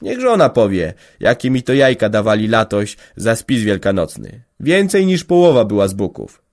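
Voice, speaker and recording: A man's voice: lowish voice, moderate pace. A man voicing a complaining, talkative middle-aged village organist, raising his voice as he grumbles. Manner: lively, grumbling, raised voice.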